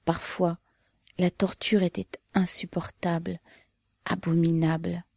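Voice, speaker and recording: A woman's voice: fairly low pitch, little pitch movement, measured pace, creaky, mellow, dry recording. A woman voicing a grieving woman who speaks with a trembling voice.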